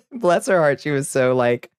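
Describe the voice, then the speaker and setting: A man's voice: fairly high pitch, very animated, measured pace, clean tone, no room sound, studio quality. A man streaming a game, chatting casually with viewers and reading their messages aloud, a little sniffly, rambling and laughing easily. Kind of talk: casual chat while gaming.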